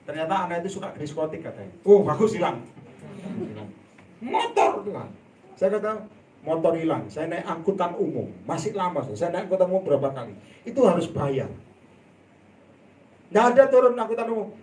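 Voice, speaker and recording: A man preaching a sermon in a church hall, telling a story with laughter and sudden loud outbursts. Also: high voice, very animated, brisk, slight background noise. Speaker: evangelist preacher. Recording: echoey hall, voice from a distance.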